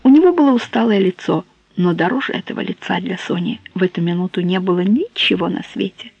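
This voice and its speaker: A woman narrating a novel aloud in a measured, even reading. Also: lowish voice, gravelly, slightly rough, no room sound. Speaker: audiobook narrator. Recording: dull, dry close recording.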